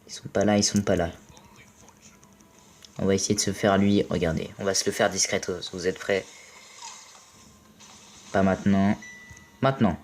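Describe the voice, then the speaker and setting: A young French man casually commentating a mobile game match, playful and excitable, joking and swearing at his teammates. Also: low voice, normal speed, long pauses, slight background noise. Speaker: gaming video commentator.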